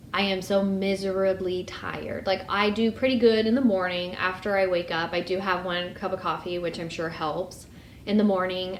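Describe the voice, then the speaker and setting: A woman's voice: fairly low pitch, reverberant, a little hiss or hum. A young woman giving a casual vlog update, chatty with lots of ums and likes. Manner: chatty, frequent ums and likes, light laughs. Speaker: vlogger.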